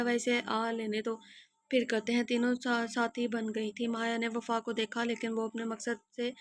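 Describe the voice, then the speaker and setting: A hoarse woman reading a romance novel aloud and voicing all its characters, often clearing her throat and restarting words. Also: no room sound. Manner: narrow pitch range, stumbles and restarts words. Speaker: audio novel narrator.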